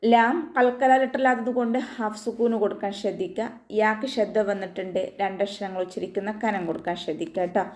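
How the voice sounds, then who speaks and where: A woman's voice: medium pitch, fairly even intonation, fast talker. Patient woman teaching recitation, echoey room. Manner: patient step-by-step instruction, frequent gentle reminders. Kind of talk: recitation rules lesson.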